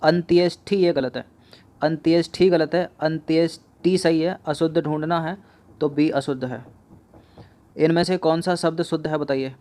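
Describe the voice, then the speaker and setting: A man's voice: fairly high pitch, fairly even intonation, normal speed, darkish tone. A man teaching an exam preparation class on spelling. He speaks, repeats each word several times and puts questions to the students. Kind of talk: spelling lesson explaining answers.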